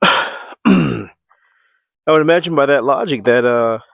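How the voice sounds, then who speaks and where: Speaking slowly with vocal fry and a fairly bright tone, a man of medium pitch vlogs from his homestead while building outdoors. He muses aloud, filling gaps with lots of fillers, and his heavy breathing from the work comes through a close clip-on mic in a dry recording.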